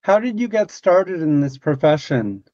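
A man's voice: a little high, big pitch swings, normal speed, dark tone, lo-fi sound. A man from Hungary hosting an interview over a video call, asking brief questions. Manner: brief, asks plain questions. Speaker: interview host. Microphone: video call webcam.

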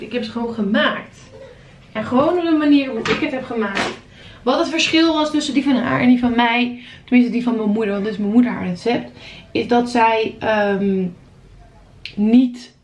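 A chatty young woman vlogging from her kitchen, talking straight to her viewers as she stirs and mixes. Her voice sits a little high, and the room rings back with echo over a faint hum of noise. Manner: chatty, animated, addresses viewers as guys. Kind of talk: casual cooking vlog chat. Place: home kitchen.

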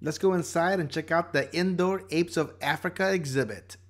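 A man's voice: fairly high pitch, moderate pace. A middle-aged man narrating a casual walking-tour vlog with a camera held at arm's length, chatty and upbeat as he walks. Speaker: family vlogger. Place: outdoors at a zoo. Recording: outdoor noise.

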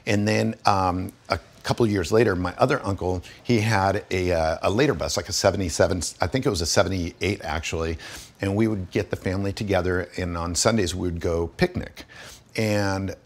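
A man's voice: low-pitched, normal speed. A man in his forties, from Guatemala, a garage owner telling his story in a friendly, enthusiastic, casual interview inside a large garage. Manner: enthusiastic, friendly, lots of fillers. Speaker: garage owner, vintage bus restorer. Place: large indoor garage full of old buses.

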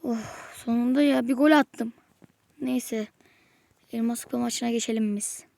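A woman's voice: a little high, steady tone, measured pace, creaky, a little mellow. A woman giving exasperated live commentary while playing a football video game, muttering to herself and snapping at the game. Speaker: gamer.

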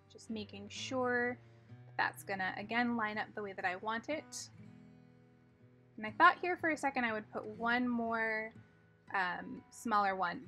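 A craft tutorial host with a bright, clear, mid-range voice walks calmly and methodically through a card-making project, step by step. Soft music plays faintly beneath her voice-over.

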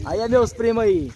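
High-voiced excitable man. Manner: excitable, shouts cheerfully, praises God. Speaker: YouTuber and pastor. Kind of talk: casual vlog narration. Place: outdoor water park.

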